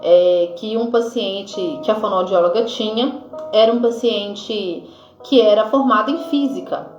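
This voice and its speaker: With a mid-range, darkish voice and a Brazilian Portuguese accent, a woman nurse delivers an informal health lesson to camera. Fillers like "né" and "tá" come often, and she pauses to check her notes. The recording is echoey, dull and lo-fi, with faint music.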